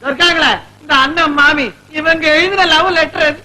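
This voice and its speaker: An actor playing a flustered young husband in a classic film comedy, retorting in an exasperated way. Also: male voice, very high voice, fairly even intonation, moderate pace, sharp tone, heavily acted, poor audio. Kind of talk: 1970s Tamil film comedy acting.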